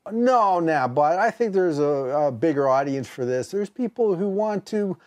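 Speaking in an animated yet unhurried manner, this middle-aged video host has a fairly high, slightly mellow voice. He gives a relaxed, explanatory hands-on demo indoors in his home studio workshop, keeping things conversational.

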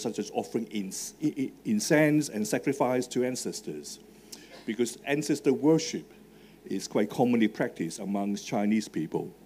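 Speaking at a student evangelistic talk, a man with a Hong Kong English accent and Cantonese as his first language addresses a live student audience from the stage of a large marquee tent. His medium-pitched, warm voice comes through a handheld microphone with a little hiss or hum, and he talks conversationally with fillers, putting questions to the crowd.

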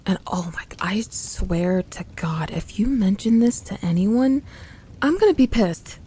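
In an intimate audio roleplay, a woman voices a young tsundere tomboy best friend who grumbles and gets flustered while hiding her affection. Her soft, breathy voice often drops to a whisper, and her mood is defensive. The level is on the low side, with slight background noise.

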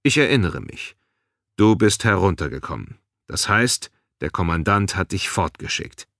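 A man's voice: low-pitched, big pitch swings, moderate pace, vocal fry, a bit bright, no echo, studio quality, full character voice. A man doing a hulking, curt guard. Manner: curt, growling. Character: hulking grim male guard.

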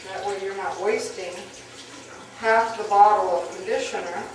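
A middle-aged woman, a mother talking with family and giving an interview, brisk and instructing. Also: medium pitch, steady tone. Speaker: mother in a documentary. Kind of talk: everyday family talk and interview. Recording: echoey room from far off, noisy.

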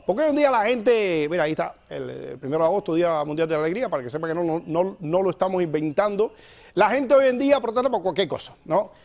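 A man hosting a comedy show, telling jokes in an animated storytelling style. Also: high-pitched. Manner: joking, animated storytelling with acted-out voices. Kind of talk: stand-up style comic monologue.

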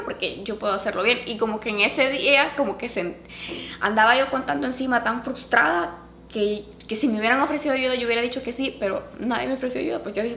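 A woman vlogger and mother telling a story casually to her viewers, animated, with a higher pitch whenever she acts out what others said. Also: creaky. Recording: echoey room with faint background noise.

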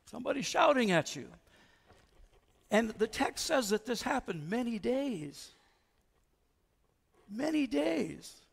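Male pastor, sermon, conversational, high and gravelly, long church echo. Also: very animated, unhurried. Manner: conversational, asks the congregation questions. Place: church sanctuary.

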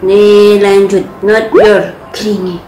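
Javanese girl in her 20s vlogging, cutesy chatty voice, slow talker, echoey room w/ faint music. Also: medium pitch, little pitch movement, mellow. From Central Java, Indonesia. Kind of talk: casual chat reading comments.

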